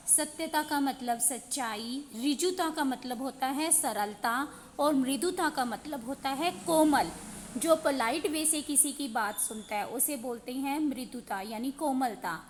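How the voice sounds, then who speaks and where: A woman's voice: high-pitched, in a large hall, a little hiss or hum. A woman teacher explaining verses line by line, patiently repeating each meaning and addressing the children.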